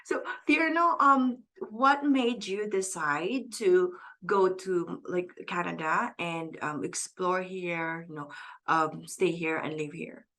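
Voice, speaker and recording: Woman host on a video call, bright voice, lots of ums, encouraging. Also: on the low side, takes it slowly. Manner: warm encouraging prompts, hesitant fillers. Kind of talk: casual interview.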